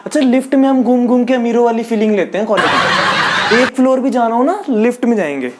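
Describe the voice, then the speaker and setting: A man's voice: very high-pitched, fairly quick, heavy background noise. Young male stand-up, casual storyteller; chatty, laughs along with his own jokes. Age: young adult. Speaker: stand-up comedian.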